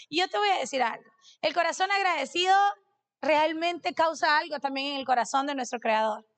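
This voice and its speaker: A woman's voice: high voice, a bit bright. A middle-aged woman, preaching a sermon that mixes in personal testimony and questions to the congregation. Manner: conversational, asks the audience questions.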